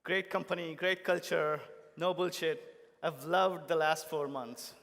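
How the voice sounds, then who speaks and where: A man's voice: fairly high pitch, fairly even intonation, measured pace, gravelly, a bit bright. A man giving a keynote podium speech, addressing an audience in short, emphatic, separated phrases. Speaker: company technology chief giving a keynote. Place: large conference hall stage. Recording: long hall reverb from stage PA.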